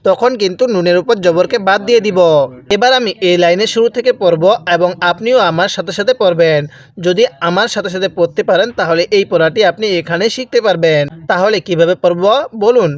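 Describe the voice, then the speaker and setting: A man teaching Quran reading in Bengali, stretching each recited word slowly and then explaining quickly, with a Bangladeshi accent. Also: high-pitched. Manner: drawn-out recited words between quick explanations. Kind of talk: slow spelled-out Quran reading lesson.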